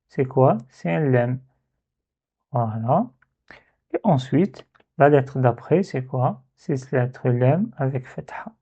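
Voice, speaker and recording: Slow, patient male teacher, tinny sound. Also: medium pitch, animated, mellow, slightly rough. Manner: patient, slow, repeats syllables to demonstrate. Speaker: Arabic reading teacher. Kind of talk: step-by-step lesson.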